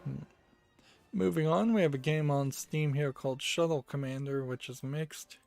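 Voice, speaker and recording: Browsing store reviews, the host of a game news channel muses aloud in casual commentary, pausing and hesitating often. His voice is fairly high, gravelly and darkish, with faint music in the background.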